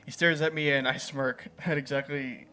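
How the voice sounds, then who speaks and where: A man's voice: medium pitch, level tone, normal speed, sharp tone, soft background music. Playful man reading a game aloud. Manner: playful, laughs at the story. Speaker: gaming channel host.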